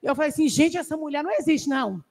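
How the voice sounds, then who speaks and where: Woman, high gravelly voice, animated church testimony, long reverb of a hall. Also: very fast. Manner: animated storytelling, laughs often. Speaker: church class participant. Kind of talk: testimony in a Bible class.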